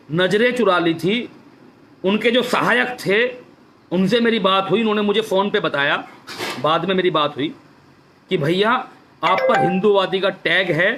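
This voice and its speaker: Man going live, worked up, keeps repeating himself, highish voice, bit of background hiss. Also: fairly bright tone. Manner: fervent, repetitive, rhetorical questions. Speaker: activist speaking on a Facebook live stream. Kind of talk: impassioned live-stream address. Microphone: phone or webcam for a live stream.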